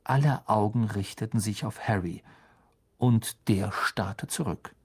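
A man reading a storybook aloud as an expressive audiobook narrator. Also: on the low side, unhurried, slightly rough. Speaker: audiobook reader. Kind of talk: scripted narration.

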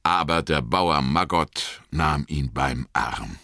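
A man reading an audiobook in measured, expressive scripted narration. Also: rumbling low, vocal fry, no room sound, studio quality.

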